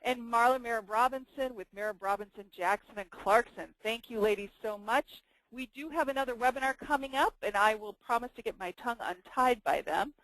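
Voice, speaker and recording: A woman's voice: a little high, fairly quick, fairly bright tone, no echo, low-quality recording. A woman moderating a webinar and giving closing remarks, stumbling over her words.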